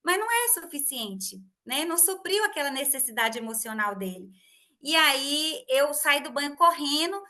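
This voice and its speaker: A woman in her thirties hosting a casual podcast conversation, telling an animated story and acting out family dialogue. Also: sits high, moderate pace. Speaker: host.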